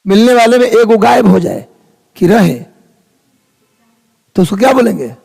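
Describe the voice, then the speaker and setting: A man's voice: sits high, lively intonation, normal speed, vocal fry, darkish tone, slightly rough. A man, teaching a live class in a casual chatty way and teasing his students. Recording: long reverb of a hall.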